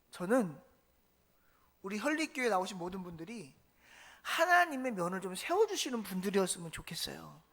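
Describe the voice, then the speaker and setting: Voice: mid-range voice, fairly bright tone. A pastor preaching a sermon in a church, emphatic and colloquial, full of rhetorical questions. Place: church sanctuary.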